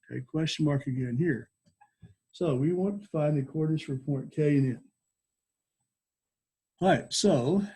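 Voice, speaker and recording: Male teacher for a recorded lesson: relaxed, slightly raspy tone, informal explaining with regular little check-ins. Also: mid-range voice, rough recording. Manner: informal, frequent check-in tags like okay and all right. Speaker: geometry teacher.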